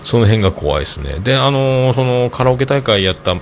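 Slight background noise accompanies a man in his 40s whose mid-range voice is very animated and fast. He's a podcast host reading listener comments in a casual monologue, rambling through stories with lots of filler sounds.

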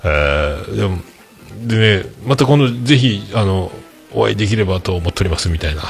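A man with a who hosts a podcast, telling a story casually and acting out the dialogue with lively energy. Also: sits low, brisk, vocal fry, faint music behind. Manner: animated, acts out quoted dialogue. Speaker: podcast host.

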